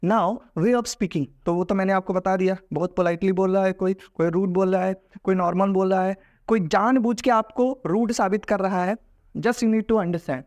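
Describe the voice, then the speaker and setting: A man's voice: sits high, steady tone, moderate pace, a little mellow. A man with an Indian accent teaching a lesson in a casual, explanatory way, mixing Hindi and English. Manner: explanatory, mixes Hindi and English, acts out example voices.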